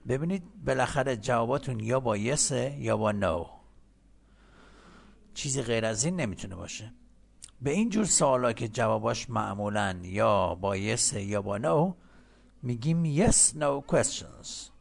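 A gravelly man teaching an English lesson, his pitch swinging widely as he jokes with his learners. He stretches out his English words slowly, then rattles along quickly when he explains in his own language. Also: animated. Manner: jokey and chatty with learners.

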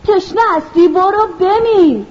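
A rude, heartless young girl, voiced by a woman, snaps and mocks in rhyming lines for a children's storybook drama. Her voice is very high. The recording is dull, with faint noise. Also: darkish tone. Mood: mocking. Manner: snappish and mocking. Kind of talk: rhymed children's audio drama.

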